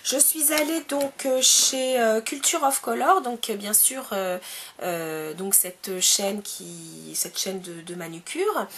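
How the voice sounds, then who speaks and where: A woman's voice: mid-range voice, takes it slowly, a bit bright, slight background noise. A woman from France chatting casually in a beauty haul video at home, with many hesitations. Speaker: beauty vlogger.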